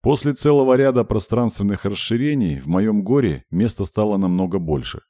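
Deep, expressive man narrating an audiobook. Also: fairly quick, dry recording, studio quality. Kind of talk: first-person audiobook narration.

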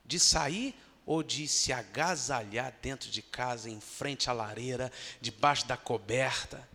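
A man preaching an animated sermon as a pastor and acting out the voices of churchgoers. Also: medium pitch, unhurried. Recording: long hall reverb.

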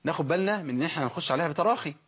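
Fast-talking Egyptian sheikh teaching recitation. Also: male voice, on the high side, husky, muffled recording. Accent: Egyptian Arabic. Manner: lively, demonstrates recited words slowly and stretched. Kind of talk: Egyptian colloquial lesson on letter pronunciation.

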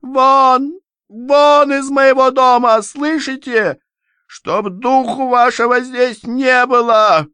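A man's voice: steady tone, slow, sharp tone, clean tone, no room sound, full character voice. A man voicing a grief-stricken older mother who shrieks in a piercing, indignant voice. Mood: furious. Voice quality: piercing, shrill.

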